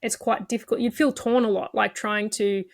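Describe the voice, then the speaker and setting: A woman's voice: medium pitch, fairly even intonation, normal speed, vocal fry. A woman hosting a podcast interview, chatting in an empathetic, casual way. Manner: empathetic, chatty, laughs often. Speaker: podcast host.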